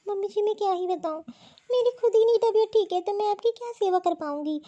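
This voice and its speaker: A woman's voice: extremely high pitch, fast, dark tone, muffled recording. A woman voicing a rude, lazy young daughter-in-law in a cartoon story; she refuses curtly and dismissively. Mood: whiny.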